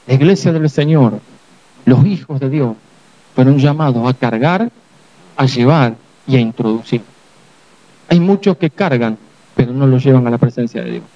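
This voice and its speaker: A man preaching a sermon as pastor, telling the story vividly with quick acted asides. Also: mid-range voice, dark tone, dull audio.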